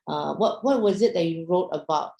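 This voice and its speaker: Lady chatting to her online viewers, low gravelly voice, echoey room. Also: normal speed, warm tone. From Myanmar, raised in Singapore. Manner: chatty, asks the audience questions, many fillers. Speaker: speaker at an online business talk. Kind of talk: casual presentation to an online audience.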